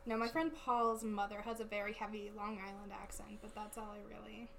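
A young woman guest on a casual podcast, chatty and quick to laugh, with lots of "like" fillers. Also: mid-range voice, flat delivery, fairly bright tone, slight background noise. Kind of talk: casual chat.

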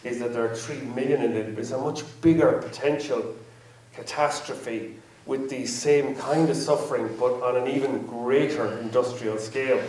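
This event host leads a post-screening panel before an audience, rambling, hesitating and going back over the same points. He talks at a normal speed in a steady, medium-pitched voice with a darkish tone. The sound comes from a distance in a spacious hall, with faint ambience around it.

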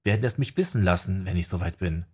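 A man's voice: low-pitched, fast, darkish tone, breathy edge. Man voicing an earnest young wind mage. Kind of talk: audiobook character voice.

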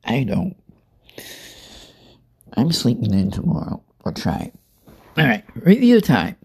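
A man's voice: medium pitch, huge pitch swings, slow pace, a little mellow, husky. A young man rambling casually through a food review vlog, chatting and eating as he talks. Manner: rambling, chatty, eats while talking. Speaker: vlogger.

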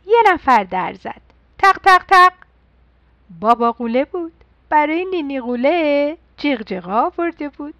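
High-voiced woman reading a kids' story. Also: no room sound. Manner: lively sound words, gentle sign-off. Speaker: children's storyteller. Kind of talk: bedtime story reading for kids. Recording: dull, dry lo-fi podcast audio.

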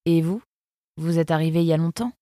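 A woman's voice: low voice, brisk, dark tone, dry recording, clean studio sound, natural voice. Woman voicing an earnest young male fox. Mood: curious.

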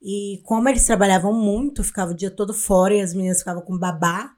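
A woman from Minas Gerais, Brazil, co-hosts a podcast, telling anecdotes in casual, slangy talk. Her voice is medium-pitched and darkish, and she speaks at a quick pace.

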